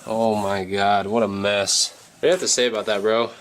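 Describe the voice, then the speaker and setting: A man's voice: fairly low pitch, fairly even intonation, fast talker, a bit bright. Male car vlogger, casual frat-bro delivery full of slang, slightly noisy location sound. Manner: frat-bro slang, swearing, hyped-up dude talk. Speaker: host of a car project vlog. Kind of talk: casual vlog chat.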